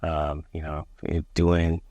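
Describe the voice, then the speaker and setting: A man in his forties from Barbados, a police chief answering interview questions in a measured, halting way with many fillers. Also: rumbling low, completely flat delivery, darkish tone, no echo. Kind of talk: interview conversation.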